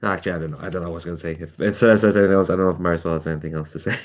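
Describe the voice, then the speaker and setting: A man's voice: sits low, fairly even intonation, racing. A man playing in a tabletop role-playing game, rambling and hesitant with many ums, on dull lo-fi online call audio. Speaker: player.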